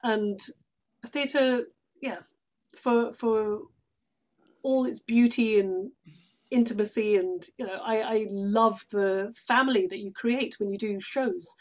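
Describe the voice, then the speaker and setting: A middle-aged woman from London, England, a stage actress appearing as a guest in a conversational interview, speaks with a British accent. Her mid-range voice moves slowly with fairly even intonation, yet she talks effusively and emphatically.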